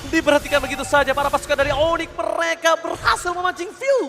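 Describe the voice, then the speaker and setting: A man with an Indonesian accent commentating an esports match like a fighting game announcer, with excited play-by-play and explosive, drawn-out shouts. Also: extremely high pitch, creaky. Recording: music behind the voice. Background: music.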